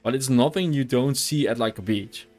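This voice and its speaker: A man's voice: mid-range voice, moderate pace, darkish tone, faint music behind. Dutch man chatting while gaming. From Netherlands. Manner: rambling, many fillers and restarts. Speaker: streamer. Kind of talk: casual gameplay chat.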